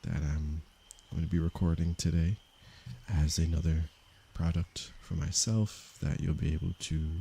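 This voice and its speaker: Very deep, slow-talking gravelly man. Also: fairly even intonation, slight background noise. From Canada. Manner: slow, soft-spoken and unhurried, with pauses. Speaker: meditation teacher. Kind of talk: calm livestream talk to viewers. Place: livestream.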